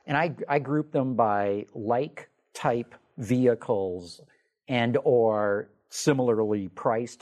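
A man's voice: medium pitch, a little mellow. A man hosting a casual studio talk show, talking with enthusiasm and often repeating words. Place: studio showroom.

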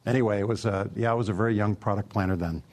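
A middle-aged man, a car company product executive, answering interview questions in a relaxed, storytelling way with plenty of fillers. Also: on the low side, rapid-fire.

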